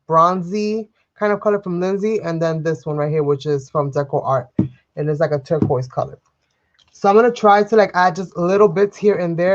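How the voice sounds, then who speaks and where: Hosting a craft livestream from her desk at home, this woman has a lowish voice and rambles chattily to her viewers while sniffling through a cold. She stays off-frame beneath an overhead camera, and the recording comes across muffled.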